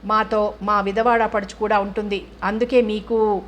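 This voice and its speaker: A woman's voice: medium pitch, level tone, normal speed, slight background noise, lightly acted. Woman reading a blunt man on the phone. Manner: plain, joking then blunt. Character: blunt male caller seeking a house.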